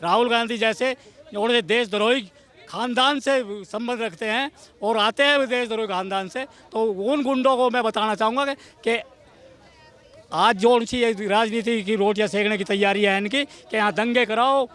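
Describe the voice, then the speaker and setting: A man's voice: extremely high pitch, moderate pace, a bit bright. A man in a street interview outdoors, declaiming like a speech and making accusations. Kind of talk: heated street vox pop.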